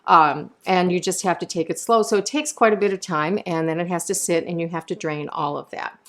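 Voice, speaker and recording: A woman's voice: lowish voice, fairly quick, fairly bright tone. A woman chef giving a chatty cooking demonstration in a home kitchen, explaining each step and wandering into side notes.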